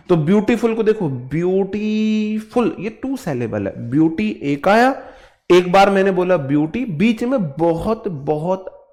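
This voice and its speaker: A man with a Haryanvi accent teaching an online English grammar class, lively and teasing, acting out his students' questions. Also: a little high. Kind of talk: online exam-prep grammar lesson.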